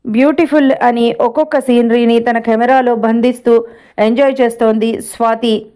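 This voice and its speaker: Woman telling a story, higher voice. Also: steady tone, moderate pace, dark tone. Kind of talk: read-aloud story narration.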